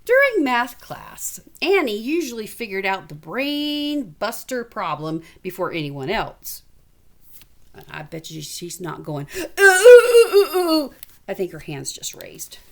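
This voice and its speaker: An elementary school teacher reads a picture book aloud from a little desk in a small room outside school, sprinkling in homey, casual comments and encouragement. Her medium-pitched voice is expressive and a bit bright, with vocal fry, and she keeps a measured pace.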